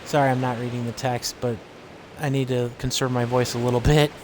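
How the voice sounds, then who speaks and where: A man's voice: mid-range voice, little pitch movement, brisk, noisy background. A man casually commenting while streaming a video game, rambling and thinking aloud. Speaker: let's-play streamer.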